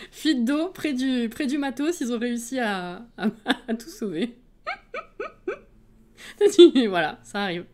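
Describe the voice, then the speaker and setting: A woman with a slightly high, darkish voice chats loosely with her live-stream viewers, greeting them one by one and laughing easily between remarks. She's expressive, speaks slowly, and pauses often.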